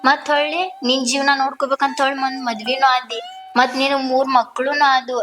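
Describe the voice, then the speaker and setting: A woman plays a deserted young sister, crying as she pours out her troubles to her brother. Her North Karnataka Kannada accent is rustic, and her voice is high and plaintive, with soft music underneath. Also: flat delivery, brisk, natural voice. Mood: tearful. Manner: tearful and plaintive. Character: young sister whose drunk husband left her. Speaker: actress in a short film. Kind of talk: village family drama acting.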